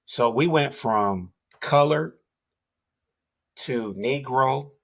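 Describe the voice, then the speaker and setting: A man's voice: medium pitch, drawn-out words. A man co-hosting a podcast, speaking in an earnest, emphatic way about history and labels. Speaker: podcast co-host. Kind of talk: casual talk-show conversation.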